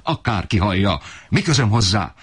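A man voicing an enraged, desperate poor father who shouts in fury. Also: fairly low pitch, big pitch swings, slightly rough, voice pushed up, heavily acted. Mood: raging. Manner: shouting, raging.

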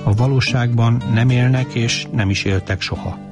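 A man reading his own novel aloud in a measured, wry narrating voice. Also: medium pitch, fairly even intonation, music in the background. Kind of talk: audiobook reading.

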